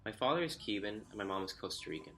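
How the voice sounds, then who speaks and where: Young guy from miami reading his own story, kinda low voice but bright and forceful, soft music under it. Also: sing-song, quick pace. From Miami, Florida. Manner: earnest, reflective, read from a script. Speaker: student storyteller. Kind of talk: scripted personal narration.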